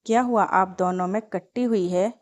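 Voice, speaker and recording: A woman's voice: medium pitch, moderate pace, close to an everyday voice. A woman reading Mishti, a chatty little girl. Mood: curious.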